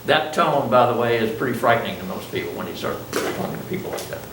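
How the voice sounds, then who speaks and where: A man's voice: medium pitch, expressive, fast talker. An older man teaches a college class while wearing a mask, chatting, asking questions and poking fun at himself. He is picked up from across a roomy classroom, with faint ambient noise behind him. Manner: chatty, asks the class questions, self-joking. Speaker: college instructor. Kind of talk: classroom lecture. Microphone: masked, speaking in a classroom. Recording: roomy classroom sound from a distance.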